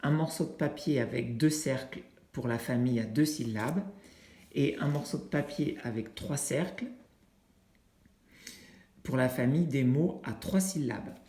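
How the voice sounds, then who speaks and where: Slow, hesitant teacher in an echoey room. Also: medium pitch, warm tone. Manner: unhurried, with frequent hesitations and fillers; demonstrates with objects while talking. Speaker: teacher explaining an activity to parents. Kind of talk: instructional video for families. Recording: roomy, echoey indoor sound.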